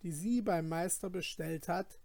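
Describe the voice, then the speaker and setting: A man's voice: high voice, steady tone, takes it slowly, warm tone, dry recording, pitched above the performer's own voice. A man voicing an anxious young male goldsmith apprentice, fearful and pleading in a read-aloud fairy tale. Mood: indignant.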